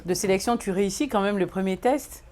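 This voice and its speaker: A woman's voice: mid-range voice, a little fast, darkish tone. A woman hosting an interview, prompting her guest and summing up his story. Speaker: interview host.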